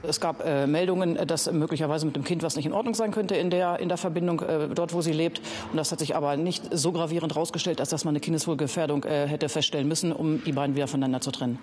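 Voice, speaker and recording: A woman's voice: low voice, fairly even intonation, fast, darkish tone, a little hiss or hum. A middle-aged woman, a district spokeswoman, explaining things in an indoor interview with some fillers. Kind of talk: on-camera interview. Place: indoor office building.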